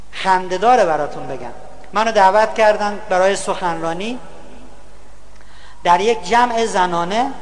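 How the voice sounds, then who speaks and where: High-voiced man giving a humorous lecture. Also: a bit bright, slight background noise. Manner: storytelling, mimicking others for laughs. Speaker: public speaker.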